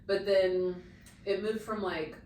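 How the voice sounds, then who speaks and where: A woman's voice: medium pitch, steady tone, slow pace, darkish tone. A woman co-hosting a podcast in casual chat, rambling with lots of fillers and restarts, recorded in a room at home. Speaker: podcast co-host. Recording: echoey room, mic at a distance, faint noise.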